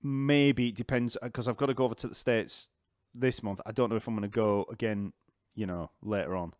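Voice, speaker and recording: A man with a Yorkshire accent hosting a casual live-stream Q&A, chatty and rambling and quick to laugh. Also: fairly low pitch, fairly even intonation, no echo, clean studio sound. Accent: Yorkshire English. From Yorkshire, England. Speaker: bass teacher and channel host. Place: home, near an island festival site.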